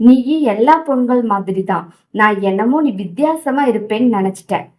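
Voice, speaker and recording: A woman's voice: fairly high pitch, lively intonation, fairly quick, darkish tone, natural voice. A woman voicing a hurt, angry young husband who scolds bitterly. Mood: bitter scolding.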